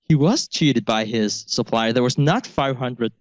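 A man co-hosting a casual podcast at an ordinary mid pitch. He tells stories with an amused air and often chuckles mid-sentence. The recording is dry and close. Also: measured pace, dry recording, lo-fi sound. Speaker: podcast co-host.

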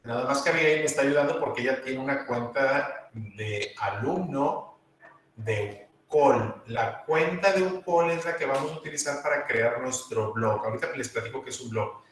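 A male teacher gives online class instruction patiently and step by step, repeating his instructions. His medium-pitched voice moves at a moderate pace, sounding far from and a bit off the mic in a very echoey room.

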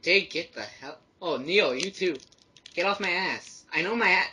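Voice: mid-range voice, normal speed, pushed and bright, slight background noise. A gamer chatting during a group racing game, teasing the others and swearing often. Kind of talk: casual game chat. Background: game music.

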